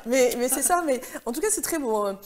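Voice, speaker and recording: A woman's voice: sits high, lively intonation, fairly quick, over a noisy crowd. A woman hosting a talk show, who keeps affirming her guests and often agrees with them. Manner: warmly affirming, frequent agreement. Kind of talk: casual chat.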